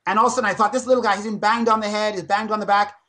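A man's voice: high voice, very fast. A man in his fifties, a dentist and fitness speaker, telling stories with energy in a podcast interview. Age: 50s. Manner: animated storytelling, energetic.

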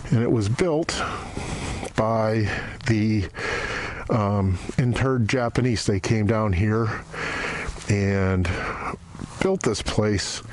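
A man giving an unscripted walking-tour narration outdoors, halting and thoughtful, with pauses. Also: fairly low pitch, a little mellow, a little hiss or hum. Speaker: vlogger guide. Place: outdoors among ruined buildings in desert.

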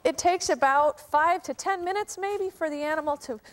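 High-voiced woman, calm wolf handler. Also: moderate pace. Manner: calm, patient explaining while handling a wolf. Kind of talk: educational live broadcast demonstration.

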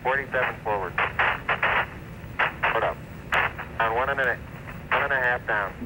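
Over a crackly space radio transmission full of beeps, a man with a mid-range voice plays an astronaut piloting the lander. He reads terse flight callouts and number readouts in a clipped, businesslike way at a moderate pace, and the sound is a noisy archival radio downlink.

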